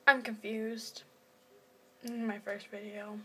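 A woman's voice: medium pitch, little pitch movement, takes it slowly, bright, forceful tone, breathy edge. A teenage girl rambling casually to her phone camera in her first vlog, self-deprecating and often dropping to a half-whisper. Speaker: first-time vlogger.

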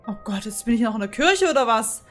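A woman's voice: fairly high pitch, animated, fast talker. A woman streamer giving live commentary on a horror game, jittery and talking to her chat, with frightened outbursts. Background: faint game music.

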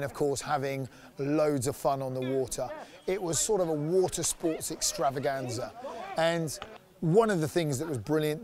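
A man in his forties who directs an outdoor activity company gives an enthusiastic, upbeat promotional interview in a sunny woodland, recorded on a lapel mic. His voice is on the high side with a darkish tone.

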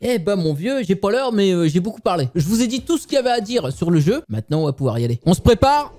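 A man's voice: high-pitched, sing-song, quick pace, warm tone. A young man presenting a sponsored game video in a playful, hyped, salesman-like way. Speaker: gaming YouTuber.

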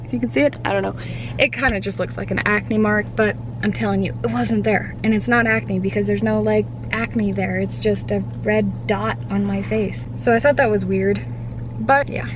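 A woman in her twenties, a little puffy-cheeked after wisdom teeth removal, chatting casually to camera in a halting, filler-heavy way that often trails off. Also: mid-range voice, fairly even intonation. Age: 20s. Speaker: vlogger. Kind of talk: casual rambling vlog to camera. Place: inside a parked car. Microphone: camera or phone at arm's length on the dashboard. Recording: car interior with clear background hum.

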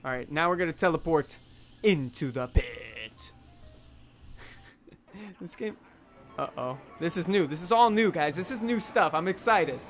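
A man's voice: a little high, a little slow, pauses often, faint music behind. A young man playing a video game for viewers, joking and reacting as he goes. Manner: jokey, animated, talks to viewers. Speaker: gaming YouTuber. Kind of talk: let's play commentary.

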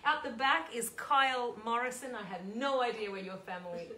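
A woman's voice: on the high side, animated, moderate pace, pushed and bright. An Australian woman hosting a sing-along, chatting casually and giggling as she introduces the people in a room with a piano. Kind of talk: casual chat between hymns. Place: room with a piano and a small group. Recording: echoey room with music.

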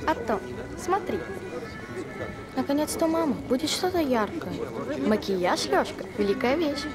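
A cheerful, talkative teenage girl in a natural TV drama manner. Her voice is high, and loud music plays behind her in a shop. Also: sing-song, a little slow. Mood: upbeat. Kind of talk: naturalistic television drama acting. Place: shopping mall store.

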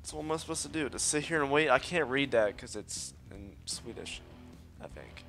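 A man's voice: medium pitch, normal speed, creaky, faint music behind. A man giving live gameplay commentary, boasting, swearing often and yelping when things go wrong. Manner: excitable, swears often, yelps at mishaps; cocky trash talk. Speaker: let's play host.

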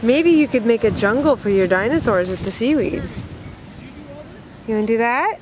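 High, coaxing woman on windy beach. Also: lively intonation, moderate pace. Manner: gentle, coaxing, sing-song talk to a small child. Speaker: adult filming a child. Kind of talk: home video chat with a toddler. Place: sunny beach outdoors. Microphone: camcorder mic, speaking from behind the camera. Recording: wind noise on a home camcorder.

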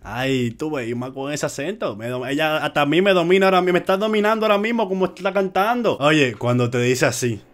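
Animated slangy man reacting to music. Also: fairly high pitch, fast, few pauses. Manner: chatty, animated, slangy, talks straight to viewers. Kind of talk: casual reaction commentary. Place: home in Orlando.

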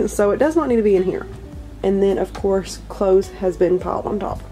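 At a moderate pace and in a dark, mid-range voice, a young vlogger with a Southern US accent talks casually to camera in her untidy bedroom, candid, a bit self-conscious, and reassuring. The close camera mic captures her over soft background music.

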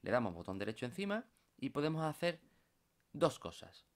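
Patient man teaching software. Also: medium pitch, big pitch swings, normal speed. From Spain. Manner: patient, explanatory, tags phrases with "¿vale?". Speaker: computer course instructor. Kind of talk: screen-recorded software tutorial.

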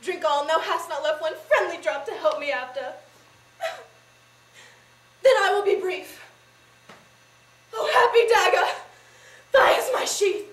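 A woman's voice: very high voice, lively intonation, takes it slowly, few pauses, a little mellow, heavily acted. A young woman performing a grief-stricken, desperate lover with anguished stage verse delivery. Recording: distant echoey auditorium recording.

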